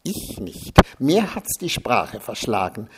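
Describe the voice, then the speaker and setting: Man with a lively, sardonic reading voice. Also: medium pitch, slow pace, gravelly, heavy background noise. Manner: sardonic, dryly mocking. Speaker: narrator. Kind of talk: humorous story reading.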